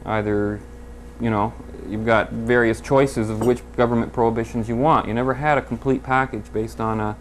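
A man's voice: mid-range voice, level tone, moderate pace, few pauses, a little hiss or hum. A man explaining a point plainly in an interview.

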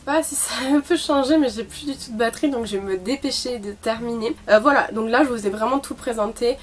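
A young woman showing off her makeup purchases in a relaxed, chatty way. She fills her sentences with hesitations, laughs lightly now and then, and talks like she's catching up with friends from her bedroom. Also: fairly high pitch, brisk. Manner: chatty, laughing, many fillers. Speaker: beauty vlogger. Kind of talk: casual haul video.

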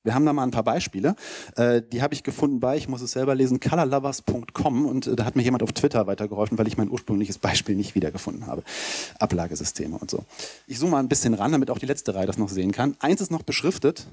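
A husky, darkish male voice at medium pitch rattles along quickly in a casual, rambling conference keynote. It's an informal slide presentation given to an audience from a lecture hall stage. He speaks into a close handheld microphone, and the audio is dry.

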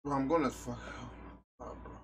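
A man streaming live from home, talking loudly and crudely to his chat with lots of swearing. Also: medium pitch, steady tone, normal speed, slight background noise. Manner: loud, crude and profane, reacting to chat. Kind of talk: casual live stream talk.

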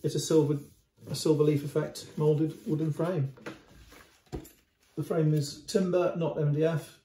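In an unhurried, warm voice that sits on the high side, with a flat delivery, a middle-aged antiques dealer comments casually on a painting for the camera. He gestures at the canvas and keeps repeating words and restarting. Recorded close up in a room at home, the audio has a roomy echo and slight background noise.

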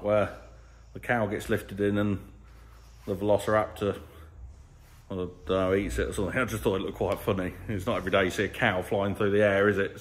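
A fairly low-voiced man in his thirties chats to his phone camera around a farm yard. He tells stories in a casual, joking, matter-of-fact way, and the sound carries the closeness of a phone held at arm's length. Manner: chatty, jokey, matter-of-fact storytelling. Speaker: farmer vlogger. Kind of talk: casual vlog chat. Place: outdoors in a farm yard and indoors in a workshop. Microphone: handheld phone at arm's length.

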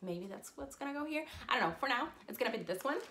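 Recorded on a desk-distance camera in a collectibles-filled room, this collector vlogger, a twenty-something raised in Puerto Rico with Spanish as her first language, talks quickly in a high-ish voice. She's chatty and animated, squealing and laughing a lot, with slight background noise.

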